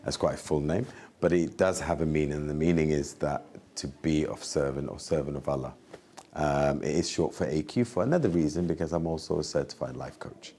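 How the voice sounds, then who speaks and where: Earnest forties man from Somalia, low and mellow; interview founder. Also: a little fast. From Somalia, raised in the UK. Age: 40s. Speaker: community organisation founder. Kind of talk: interview speaking to camera.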